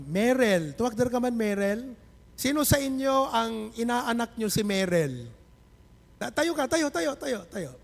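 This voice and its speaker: Man, pastor, sermon, high voice, long reverb of a church hall. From Philippines. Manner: animated, calling out members of the congregation. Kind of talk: sermon to a congregation. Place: church sanctuary.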